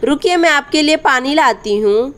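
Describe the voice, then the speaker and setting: A woman voicing a kind young village daughter-in-law in a doll story, gentle and reassuring. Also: sits high, animated, normal speed. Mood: caring.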